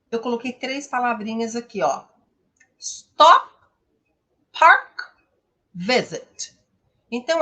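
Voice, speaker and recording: A Brazilian woman teaches English pronunciation in an online lesson, speaking slowly and explaining as she goes. She often tacks on a questioning "né?", and her voice is medium in pitch with a fairly bright tone.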